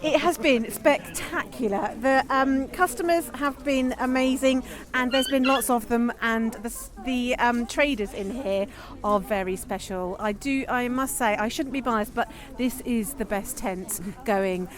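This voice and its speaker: A woman with a slightly high voice enthuses about customers and fellow traders. Her talk is warm-hearted, rambling and full of ums. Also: unhurried, few pauses. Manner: gushing, enthusiastic, with fillers. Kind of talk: casual interview. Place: busy indoor market tent.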